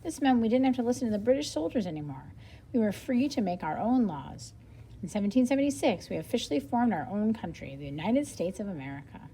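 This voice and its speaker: A woman reads a nonfiction book aloud as a lesson for kids, using a sing-song, medium-pitched voice and pausing expressively to simplify explanations and think aloud. The recording is rough, with slight background noise.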